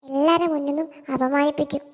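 A woman voicing a polite young shop assistant in an animated cartoon, talking slowly and apologetically. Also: high voice, big-room sound, close to an everyday voice. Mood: apologetic.

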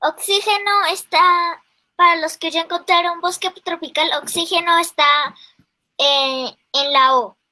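Very high, bright, slow-speaking woman. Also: steady tone. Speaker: student in an online class.

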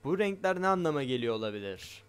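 A man giving excitable let's play commentary on a game, loud and jumpy, swearing often and talking straight to his viewers. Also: a little high, fast, clear, resonant tone. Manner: loud, shouts a lot. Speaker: gaming YouTuber.

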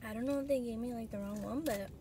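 A woman's voice: on the high side, fast, background noise. A woman vlogger tasting food on camera, talking while chewing, chatty and enthusiastic. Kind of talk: casual food review vlog. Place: outdoors in the sun. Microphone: tablet camera.

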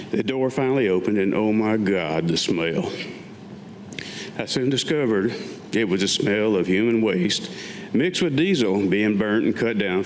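An older man of about 70, a Vietnam veteran, reads his own story in a staged way with wry asides, his voice fairly deep. He speaks into a gooseneck lectern microphone before an audience in an indoor public meeting room, where the hall reverberates and there's faint background noise.

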